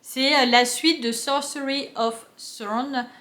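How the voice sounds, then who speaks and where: A young woman chats into a camera on a tripod at home, stumbling through fillers and restarts. Her voice sits a bit high. The room gives it a noticeable echo. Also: fairly even intonation, takes it slowly, fairly bright tone. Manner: chatty, many fillers and restarts. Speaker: book vlogger. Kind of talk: casual vlog chat.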